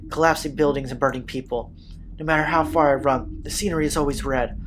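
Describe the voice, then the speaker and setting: With game soundtrack music in the background, a man hosting a playthrough reads a visual novel's narration aloud and now and then stumbles on words. His voice is on the high side, steady, fast, and fairly bright, and there's a little hiss or hum.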